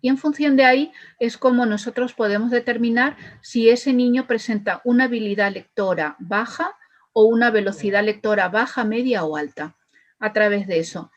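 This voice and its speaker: A woman's voice: on the high side, moderate pace, lo-fi sound. A woman speech therapist, explaining her methods with worked examples and frequent fillers. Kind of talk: explaining to an interviewer.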